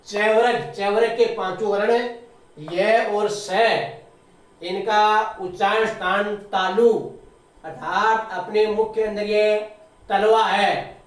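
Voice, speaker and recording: A man teaching a spoken grammar lesson, slowly and deliberately spelling out sounds one at a time. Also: high voice, distant mic. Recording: very echoey room, voice away from the mic.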